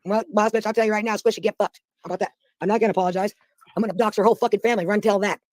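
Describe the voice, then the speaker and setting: Fast, blunt, swearing woman guest. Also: mid-range voice, fairly even intonation, darkish tone, no room sound, clean studio sound. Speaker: guest caller. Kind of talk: heated casual chat.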